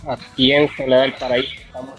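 A man's voice: medium pitch, monotone, fast talker, fairly bright tone, faint music behind. A Honduran man calling into a live radio show and giving short, plain answers. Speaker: caller.

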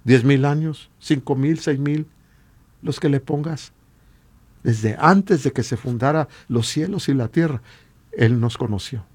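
Preaching an informal exhortation sermon, a man with a Latin American Spanish accent speaks emphatically and keeps posing rhetorical questions. His husky voice is mid-range, a little mellow, and his pace is a little slow.

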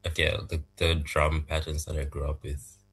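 A young man from Zambia, raised in Malawi, answering interview questions about making music in a soft, thoughtful, halting way. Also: rumbling low, level tone, creaky, slightly rough, rough recording. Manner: soft-spoken, thoughtful, halting, laughs lightly. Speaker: music producer, guest.

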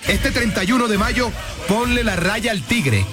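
A man's voice: sits high, lively intonation, a little slow, over music. A man in a scripted political commercial, speaking in a resolute, emphatic way.

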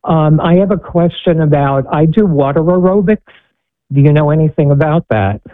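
A man's voice: fairly high pitch, normal speed, dry recording. A man calling in to a show, politely asking a question with some hesitation. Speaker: caller. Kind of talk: call-in question. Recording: phone-line sound.

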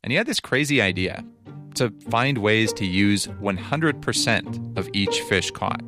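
A man's voice: lowish voice, animated, a little slow, over music. A man narrating a scripted news feature in a conversational, explanatory way. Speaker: reporter narrating.

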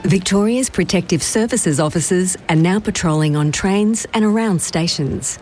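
A woman's voice: lowish voice, moderate pace, a little mellow, slight background noise. A woman voice-over announcer reading a scripted advert announcement.

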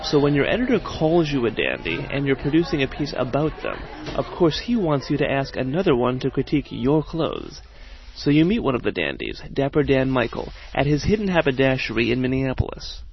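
Gravelly male radio reporter. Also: mid-range voice, big pitch swings, a little fast, lo-fi sound. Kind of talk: radio feature narration and interviewing.

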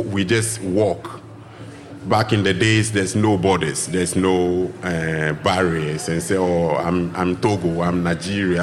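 A man from Ghana, a drumming teacher, talking casually as a guest in an interview at a festival broadcast, animated and acting out greetings. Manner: animated, acts out greetings in a high voice. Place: outdoor festival live broadcast.

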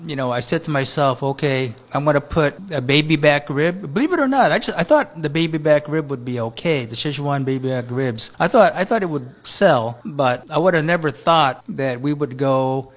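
A middle-aged male chef from Japan answers interview questions and keeps restarting his sentences, padding them with fillers. His voice sits slightly high, and the recording sounds dull and lo-fi. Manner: rambling, halting, many fillers and restarts. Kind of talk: radio interview guest.

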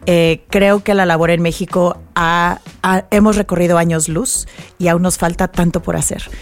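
A woman from Mexico with a Mexican accent, speaking as a guest on a radio interview, thoughtful and unhurried, with many fillers. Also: lowish voice, steady tone. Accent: Mexican Spanish. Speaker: guest, nonprofit executive director.

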